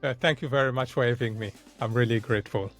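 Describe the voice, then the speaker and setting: A man's voice: medium pitch, fairly even intonation, fast, fairly bright tone. Congolese guy on a podcast, earnest, lots of uh and basically, mid voice, faint music behind. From Democratic Republic of Congo. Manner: frequent "uh" and "basically" fillers, earnest. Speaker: guest. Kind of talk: casual interview talk.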